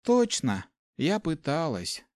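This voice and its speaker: A man doing a quiet, firm young woman. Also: a little high, big pitch swings, no echo, clean studio sound, pitched above the performer's own voice. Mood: flat. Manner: soft, measured. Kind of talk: audiobook character voice.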